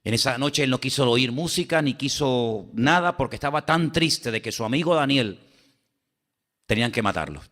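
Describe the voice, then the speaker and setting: Bright-voiced preaching man, animated. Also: medium pitch, normal speed. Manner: animated storytelling, acting out the king and Daniel. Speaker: pastor. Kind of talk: sermon. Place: church.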